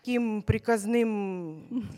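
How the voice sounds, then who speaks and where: A woman from Ukraine telling a personal church testimony in short, halting phrases with many hesitations, pausing for an interpreter. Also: medium pitch, dark tone. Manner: hesitant, many filler sounds. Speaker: church member giving a testimony.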